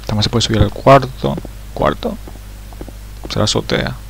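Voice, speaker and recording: A man playing a horror game and commenting excitedly, swearing loudly and dropping English exclamations into his talk. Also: fairly low pitch, moderate pace, gravelly, a little hiss or hum. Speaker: let's play gamer.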